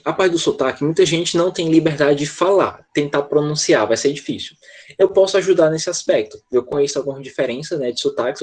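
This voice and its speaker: Husky teacher checking in constantly. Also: male voice, fairly high pitch, a little mellow. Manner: explanatory, with frequent "tá?" check-ins. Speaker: English teacher. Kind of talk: online class explanation.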